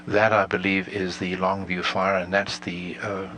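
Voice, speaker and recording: A man giving halting, explanatory live commentary on video pictures. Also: sits low, little pitch movement, sharp tone. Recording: faint background noise.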